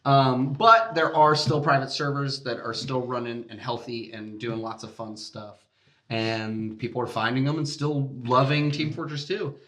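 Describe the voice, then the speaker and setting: A man co-hosts a podcast in casual chat, rambling and restarting often. His mid-range voice is steady and fairly bright, at normal speed.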